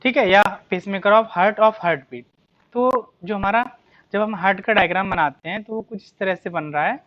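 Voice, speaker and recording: A biology teacher giving an exam-prep lecture, asking rhetorical questions and answering them, repeating key terms and reading questions out slowly. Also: medium pitch, lo-fi sound. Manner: reads English questions slowly, explains in Hindi.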